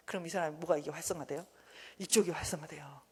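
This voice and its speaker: A woman's voice: sits low, quick pace, breathy edge. A woman giving a church seminar lecture, talking animatedly and acting out bits of dialogue. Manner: animated, acts out quoted dialogue. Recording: long hall reverb.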